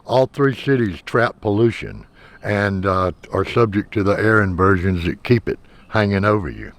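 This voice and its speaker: A man with a fairly low voice narrates as a vlog host. He explains things plainly, now and then pausing or repeating a word as he searches for the next. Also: animated.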